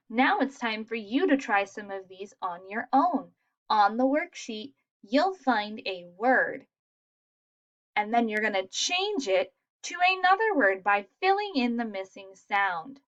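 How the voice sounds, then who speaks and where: Slow-paced woman teaching phonics. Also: fairly high pitch, fairly bright tone. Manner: slow, sounding out letters, encouraging. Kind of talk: phonics lesson for young children.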